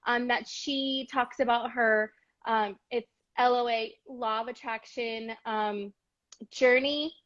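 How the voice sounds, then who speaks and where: A high-pitched woman hosts a casual live-stream conversation, gushing and effusive with many fillers. The sound is dull and lo-fi, like a video-call stream. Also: steady tone, slow pace, a bit bright. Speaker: host.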